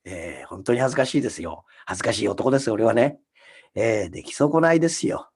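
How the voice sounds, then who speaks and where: A man hosting his own livestream alone, talking casually, ranting with rough scolding asides and reading out viewer comments. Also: on the low side, sing-song, brisk. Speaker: comedian hosting a solo livestream.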